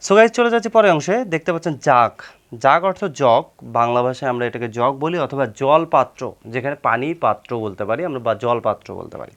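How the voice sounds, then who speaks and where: A man's voice: mid-range voice, expressive, fast, a bit bright. A man explaining vocabulary as a teacher, repeating words and leaning on the filler "হচ্ছে". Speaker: English teacher.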